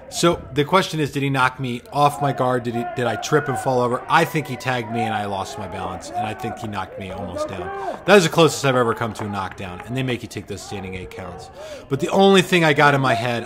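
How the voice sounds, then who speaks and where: A man in his forties commentating a replay of his own boxing bout, with a joking, self-deprecating play-by-play manner. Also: medium pitch. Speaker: amateur boxer commentating his own fight. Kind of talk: casual fight commentary.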